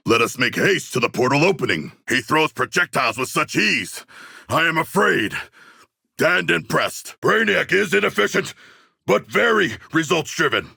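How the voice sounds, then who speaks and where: A gravelly, forceful shark warrior from a video game. He is erudite, polite and eager, speaking in stilted, grandiose phrases. The pitch swings widely from line to line. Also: no room sound, clean studio sound, exaggerated voice. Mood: urgent, eager. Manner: formal, stilted, articulate diction with grandiose turns. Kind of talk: video game character voice lines.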